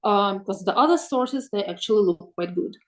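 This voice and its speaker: Speaking at medium pitch and normal speed, a native Russian-speaking woman presents a slide deck in an online webinar. She sounds thoughtful, friendly and hesitant, uses many ums and uhs, asks for the next slide, and the audio has a roomy quality.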